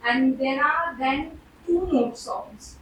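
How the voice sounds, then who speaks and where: A woman with an Indian accent talking informally on stage at an open mic, nervous and hesitant, with halting false starts. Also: high voice, expressive. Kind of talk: informal rambling talk on stage. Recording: very echoey room, distant mic, background noise.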